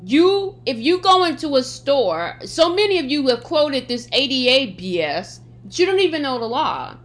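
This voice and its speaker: Higher-voiced woman with a slight mouth-sore lisp. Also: sing-song, moderate pace, a bit bright. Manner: blunt, emphatic, scolding. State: speaking with sores in her mouth. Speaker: podcast host. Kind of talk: opinionated solo podcast talk.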